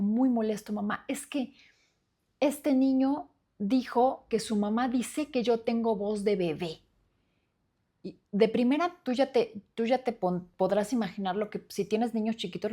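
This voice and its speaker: A woman's voice: mid-range voice, mellow. A woman, hosting a solo podcast and speaking earnestly and reflectively, with many fillers and restarts. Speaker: podcast host. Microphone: studio microphone.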